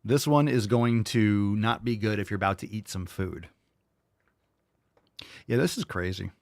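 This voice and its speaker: A man's voice: on the low side, measured pace, creaky, no echo, studio quality. A man hosting a casual live commentary show, talking bluntly and profanely in a mocking way. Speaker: show host.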